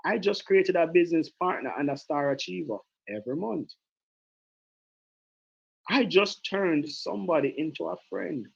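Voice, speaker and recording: A man giving an energetic, persuasive sales pep talk as a team leader, repeating his points and asking the audience questions. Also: a little high, normal speed, creaky, husky, highs cut off. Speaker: network marketing team leader.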